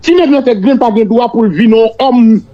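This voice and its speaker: A Haitian man, native in Creole, giving political analysis and mixing French with Creole, often repeating words haltingly as he builds a point. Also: very high-pitched. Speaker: political commentator. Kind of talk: political analysis on a talk show. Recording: dull lo-fi radio-like audio.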